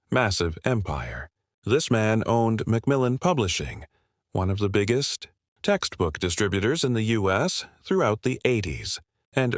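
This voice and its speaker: A man with a low voice, dry and close to the mic, deliver a slangy comedic conspiracy rant. He talks with sarcastic, mock-serious punchlines. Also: dry recording. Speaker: comedic ranter. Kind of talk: scripted comedic monologue. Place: voice-over over gameplay.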